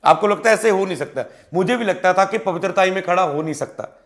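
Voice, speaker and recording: High, gravelly-voiced man preaching. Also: fairly quick. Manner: voices the prayers of troubled believers, rising and urgent. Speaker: pastor. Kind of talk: sermon.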